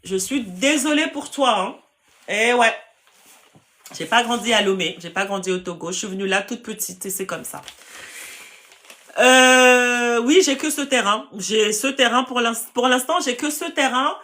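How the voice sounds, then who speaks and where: A woman's voice: a little high, measured pace, a bit bright. Firm woman with a Parisian accent. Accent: Parisian French. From France. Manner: direct and firm, speaks to viewers. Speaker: land seller hosting a live stream. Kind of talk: live-stream chat answering viewer comments.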